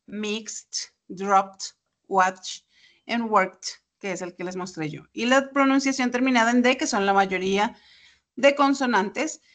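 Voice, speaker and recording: Slow, patient woman teacher. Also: on the high side, a bit bright. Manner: patient, explains step by step with examples. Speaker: English teacher. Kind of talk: online class explanation. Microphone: computer mic on a video call.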